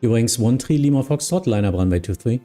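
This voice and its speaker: Mellow male streamer working as tower controller. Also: mid-range voice, animated, fast, soft background music. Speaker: live streamer playing tower air traffic controller. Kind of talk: procedural clearances mixed with casual stream chat.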